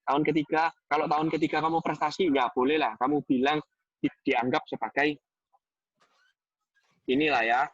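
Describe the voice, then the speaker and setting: A man giving a lively motivational talk on a video call, telling stories and repeating phrases for emphasis. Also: a little high, normal speed, long pauses, no echo, highs cut off. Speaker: guest speaker.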